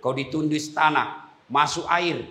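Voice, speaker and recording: A man preaching a humorous sermon at a prison gathering, animated, swinging between hushed and shouted lines. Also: fairly high pitch, unhurried.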